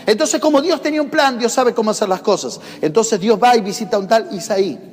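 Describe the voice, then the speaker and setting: A man's voice: sits high, a little fast. A man with a Rioplatense Spanish accent preaching a sermon, emphatic and calling on the congregation to repeat his words. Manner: emphatic, calls the congregation to repeat after him. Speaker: pastor. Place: church in the United States. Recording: long reverb of a church hall.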